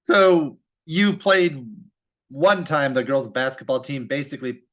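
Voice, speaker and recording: A man's voice: medium pitch, measured pace, fairly bright tone. A man interviewing his mother casually, attentive, and summing up her answers back to her.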